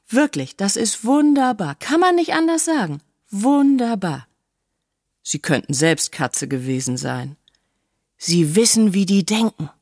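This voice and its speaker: A simple, chatty cat-food seller, as a woman reading aloud puts him on, rambling naively in a low voice that rises and falls a great deal. The storybook recording is close and dry. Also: darkish tone, dry recording, full character voice. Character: simple, chatty working-class man, cat's-meat seller. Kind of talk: audiobook reading.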